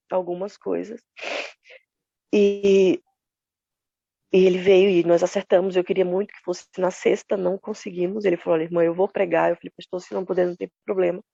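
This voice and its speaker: Grieving woman, gravelly husky voice. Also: on the low side, mellow, dry recording, muffled recording. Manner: earnest, retelling dialogue with quoted prayers. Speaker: church member giving a testimony. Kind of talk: emotional personal testimony.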